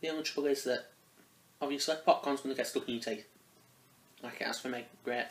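A man's voice: mid-range voice, fairly even intonation, quick pace. A man giving a casual spoken product review, rambling and hesitant, often restarting his phrases. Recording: roomy echo.

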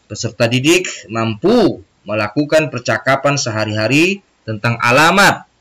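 A man's voice: mid-range voice, sharp tone. A man with an Indonesian accent teaching a recorded Arabic lesson for children, drawing out words and repeating them for pupils to echo.

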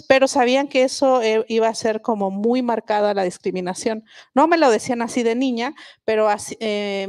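A linguist from Oaxaca, Mexico, whose first language is Mixe, gives a public talk as a guest speaker at a book festival. Her medium-pitched, slightly mellow voice is recorded dry and close, and she explains things reflectively, often restarting her sentences.

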